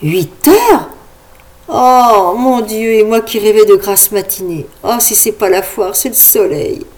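A woman voicing a tired, level-headed wife on holiday who sighs and calms her husband down. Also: medium pitch, slow. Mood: weary.

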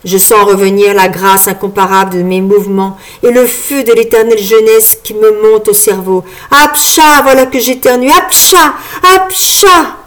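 A woman voicing a vain, grandiose enchanted frog fairy in a storybook reading, with a shrill, preening, imperious manner. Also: fairly even intonation, normal speed, few pauses, natural voice. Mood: vain excited.

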